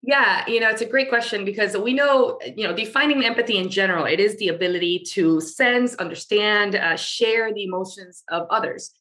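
A woman's voice: medium pitch, a little fast, few pauses, pushed and bright. A woman from Venezuela, a guest on a podcast interview, talking eagerly with plenty of fillers. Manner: eager, talkative, with frequent fillers. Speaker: guest, marketing storyteller.

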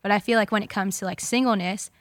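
A woman's voice: medium pitch, steady tone, fast talker, no room sound, studio quality. A woman in her twenties talking casually as a podcast panelist, filling her speech with "like". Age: 20s. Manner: chatty, many "like" fillers. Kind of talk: casual chat.

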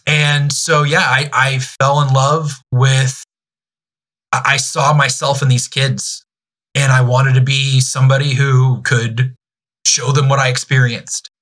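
A man in his thirties, a youth ministry director, speaking candidly as a podcast guest, pausing and restarting often. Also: mid-range voice, flat delivery, a bit bright. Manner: halting, many restarts and fillers.

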